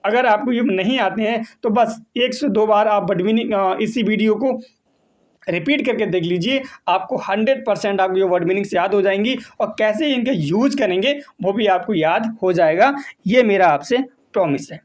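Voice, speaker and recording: Patient male English vocabulary teacher. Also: high voice. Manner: slow, patient, repeats and spells out words. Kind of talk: vocabulary lesson.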